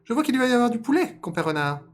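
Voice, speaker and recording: Chubby smug rabbit trickster, some guy putting on the voice, super high pitched, loud and bouncy. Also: sing-song, rapid-fire. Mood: perky. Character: plump cocky male rabbit, quick-witted trickster.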